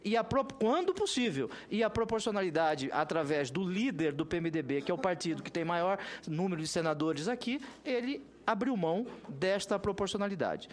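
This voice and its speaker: A middle-aged Brazilian man, a senator making a formal legal argument with pompous, emphatic oratory and repeated phrases. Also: on the high side. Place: large Senate committee room, indoors. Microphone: desk gooseneck microphone.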